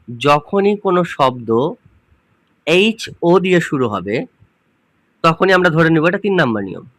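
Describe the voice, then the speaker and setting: A male grammar teacher explains rules patiently, asking questions and repeating key points. His voice sits a little high. The recording is dry and close, with no room sound. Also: fairly bright tone, no echo. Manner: addresses viewers informally as students.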